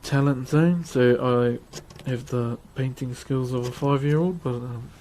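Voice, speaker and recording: Carving on a livestream, a broad-accented New Zealand man talks with his viewers in an easygoing, matey way. He speaks at a measured pace in a warm, medium-pitched voice. Background noise is clearly audible throughout.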